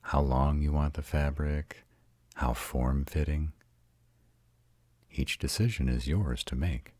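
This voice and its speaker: A very deep, husky, slightly mellow male voice plays a devoted, confident vampire gently guiding his newly turned mate in scripted roleplay audio. He is soothing, intimate, deliberate, and reassuring, in a full character voice recorded dry.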